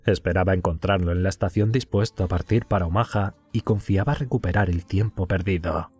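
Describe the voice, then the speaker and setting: A male audiobook narrator with a very low voice, reading a classic novel in scripted narration. His tone is husky, and his storytelling delivery is measured and even. Soft music plays underneath.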